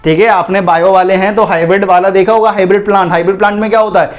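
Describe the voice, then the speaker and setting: High-voiced man teaching chemistry. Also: fairly even intonation, rapid-fire. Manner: repetitive, asks and answers own questions; calls listeners "bhai". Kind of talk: online exam-prep lecture.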